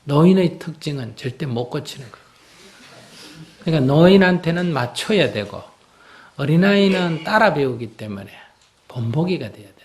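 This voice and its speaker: A man's voice: a little high, expressive, moderate pace, darkish tone. A man, a Buddhist monk, answering a question in a plain-spoken dharma Q&A, with rhetorical questions and everyday examples. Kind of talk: conversational dharma Q&A.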